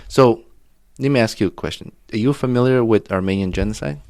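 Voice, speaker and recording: A man born in Azerbaijan co-hosting a podcast, talking in an opinionated, halting way with many restarts. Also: fairly low pitch, creaky, a little mellow, dry recording, clean studio sound. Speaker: podcast co-host. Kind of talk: casual chat.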